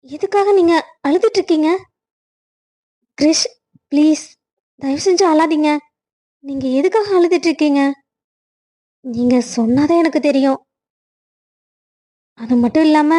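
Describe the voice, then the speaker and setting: A woman voicing a kind young woman in a cartoon story, speaking softly and pleadingly. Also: high voice, natural voice. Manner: soft, pleading. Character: gentle young woman, kind and caring friend.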